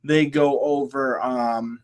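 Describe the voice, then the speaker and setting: A man's voice: medium pitch, fairly even intonation, slow. A man hosting his own podcast, chatting casually on his own in a rambling, hesitant way with many restarts. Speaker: podcast host. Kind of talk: casual solo podcast chat.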